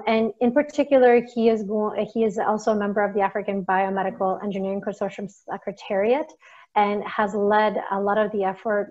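A woman hosting an online seminar, wrapping up with thanks and announcements in a measured way over a video call. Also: mid-range voice. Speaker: webinar host. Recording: dull lo-fi call audio.

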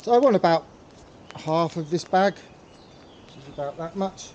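A man's voice: fairly high pitch, animated, measured pace, lo-fi sound, a little hiss or hum. A man hosting a casual how-to demonstration, talking hesitantly with many fillers and repeated words. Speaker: pipe tobacco hobbyist, channel host.

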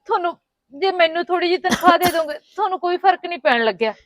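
A woman's voice: very high-pitched, expressive, fast talker, no room sound. An actress playing a poor young village woman who pleads for housework, speaking in a plaintive voice. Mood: pleading.

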